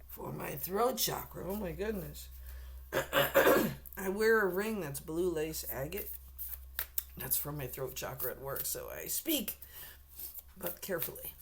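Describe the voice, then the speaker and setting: A tarot reader gives a casual reading to camera in a mid-range voice that's hoarse and fading, clearing her throat often and addressing the viewer bluntly and directly. There's slight background noise.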